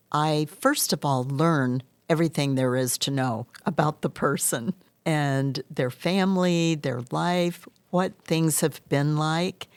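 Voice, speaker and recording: This hypnotherapist guest speaks in a low voice at a very leisurely pace, earnestly laying out her answers in short, measured phrases. The sound is close and dry, with no echo.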